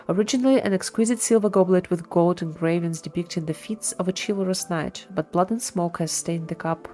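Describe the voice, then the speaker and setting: Reading lore aloud while commenting live on a video game, a woman streamer speaks with a warm tone at a fairly low pitch. Game music can be heard behind her.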